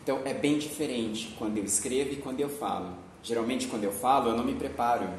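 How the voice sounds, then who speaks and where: A man's voice: mid-range voice, quick pace. A man with a Brazilian accent giving a video lesson as a Portuguese teacher, explaining patiently and often adding tag questions. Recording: very echoey room, voice from far off, faint noise.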